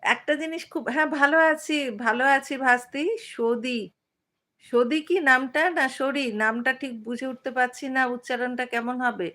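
A woman's voice: high-pitched, steady tone, moderate pace, bright, forceful tone. Chatty woman hosting a live stream. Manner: chatty, many fillers, reads out viewer comments. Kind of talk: casual live chat with viewers.

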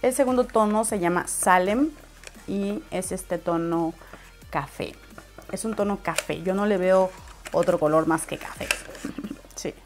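A young woman talking casually through a makeup haul in a vlog, chatty and unhurried, now and then dropping in English words. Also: lowish voice, faint music behind. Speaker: beauty vlogger.

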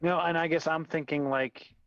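A man in his forties co-hosting a podcast from a home office over a video call, chatting in a relaxed, meandering way. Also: fairly high pitch, moderate pace, dry recording. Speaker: podcast co-host. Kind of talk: casual chat. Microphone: remote video call. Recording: dull lo-fi call audio.

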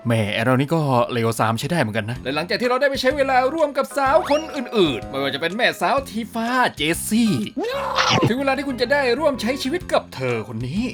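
Fast, lively man reviewing a game. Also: high-pitched. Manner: playful, cheeky, slangy joking. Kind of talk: comedic game review voice-over. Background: game music.

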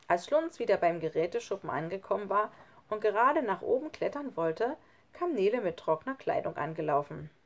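Lebhafte Vorleserin eines Kinderhörbuchs. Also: female voice, medium pitch. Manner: expressive storytelling. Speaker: audiobook reader. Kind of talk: children's audiobook narration.

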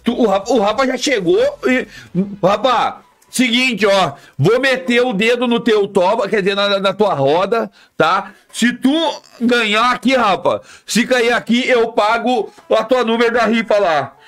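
A man's voice: high-pitched, a little slow, a bit bright. A man live streaming, chatting casually and repetitively with his viewers in slang. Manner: slangy, repetitive, talks straight to chat.

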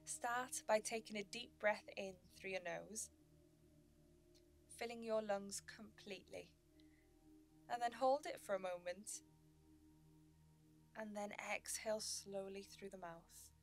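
A woman narrating a guided meditation in a gentle, soothing sleep-story manner, with measured pauses. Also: medium pitch, faint music behind.

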